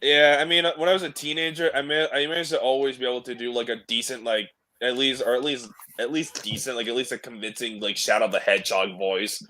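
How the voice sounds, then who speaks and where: Man, rambly chat guest, lots of restarts, bright mid-pitched voice. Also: steady tone, quick pace, few pauses. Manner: rambling, laughs often, hedging restarts. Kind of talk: casual stream chat.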